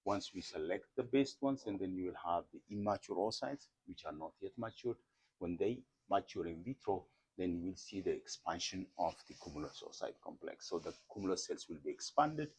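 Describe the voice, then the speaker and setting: A middle-aged man from Ethiopia, a professor explaining embryo research in an interview, careful and halting with many fillers and repeated words. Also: low-pitched, lively intonation, darkish tone, slight background noise.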